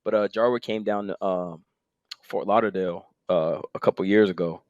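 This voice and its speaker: Teasing young man, dry lowish voice. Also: normal speed, no room sound, lo-fi sound. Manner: teasing, slangy, animated. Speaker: podcast co-host. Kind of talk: casual chat.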